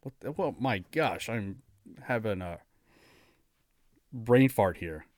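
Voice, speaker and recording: A man chats eagerly about games as a podcast co-host, now and then stumbling over names. His voice sits a bit low, recorded dry and close. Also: animated, slow, darkish tone, no room sound. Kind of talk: casual chat.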